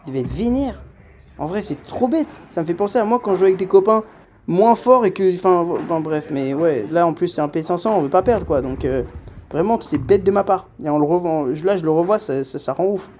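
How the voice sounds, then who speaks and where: Excitable self-mocking young man. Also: high voice, fairly quick, slight background noise. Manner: self-mocking, excitable, swings from muttering to shouting. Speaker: padel player commenting his own match. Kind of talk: voice-over commentary on match footage.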